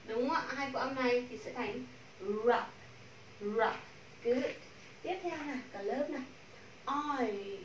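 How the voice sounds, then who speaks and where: A woman with a Vietnamese accent teaching English pronunciation to a class, modeling sounds slowly and repeating drills. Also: sits high, recorded from a distance. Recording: echoey room, from the mic, faint noise.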